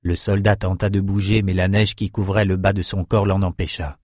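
Un homme qui narre un roman en livre audio, d'une lecture posée et régulière. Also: male voice, sits low, flat delivery, fairly quick, a little mellow, no room sound. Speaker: narrator. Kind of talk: scripted audiobook narration. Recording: dry studio recording.

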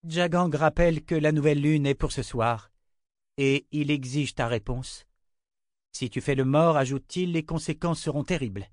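A blunt woman sorceress in a spoken fantasy novel, put on by a man narrating it. She talks in an urgent, insistent way, pitched above his plain reading voice. The sound is dry and close up. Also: moderate pace, dry recording, natural voice.

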